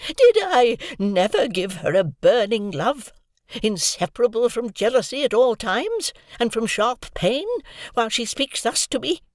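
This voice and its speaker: A woman playing Miss Havisham, wailing high. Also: very animated, no room sound. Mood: wild grief. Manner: moaning, wailing, drawn-out. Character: old jilted woman, wild and anguished. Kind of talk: audiobook drama reading.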